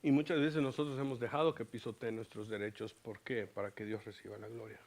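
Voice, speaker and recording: A man's voice: fairly low pitch, a little fast. A man preaching as pastor, teaching a Bible passage and dropping English words into his Spanish. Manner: animated, mixes English words into Spanish, acts out Paul's lines. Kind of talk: bilingual Bible teaching sermon. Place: US church.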